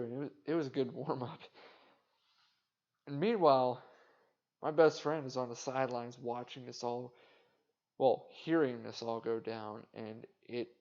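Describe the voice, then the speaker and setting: A man rambles through a solo podcast segment in a flat, indifferent tone, dropping swear words and self-mocking asides. His voice sits at an ordinary middle pitch. The recording is dull and lo-fi. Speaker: podcast host. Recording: dull lo-fi sound.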